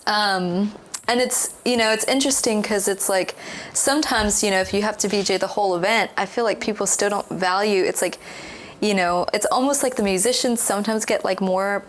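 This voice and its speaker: A woman guest on a podcast, a little hoarse, talking in a rambling, animated way with lots of restarts and fillers. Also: mid-range voice, fairly quick, slight background noise, low-quality recording. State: hoarse, losing her voice. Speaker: podcast guest, visual artist. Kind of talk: casual conversational interview.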